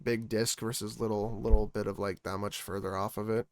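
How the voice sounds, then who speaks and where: A man's voice: on the low side, little pitch movement, a little fast, no echo. A man chatting casually on his stream at home into a music microphone, rambling and trailing off mid-thought. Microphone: studio music microphone.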